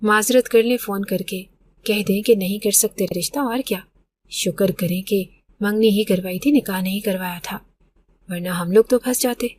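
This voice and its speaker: A woman's voice: medium pitch, mellow. A middle-aged woman telling a story in the first person, in an emotional, conversational way.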